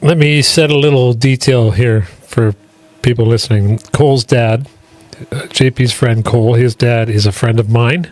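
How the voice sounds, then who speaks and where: A man's voice: mid-range voice, fairly even intonation, moderate pace, a little mellow. A middle-aged father hosting a podcast, chatting casually and rambling with restarts and asides.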